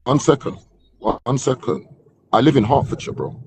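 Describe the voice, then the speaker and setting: A man with a London accent in a heated live online argument, loud and sharp, repeating himself insistently, cutting in and using slangy street talk with swearing. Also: medium pitch, sing-song, normal speed, gravelly, background noise. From Hackney, London, England. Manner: loud, sharp, shouting over others; repetitive, insistent, interrupting.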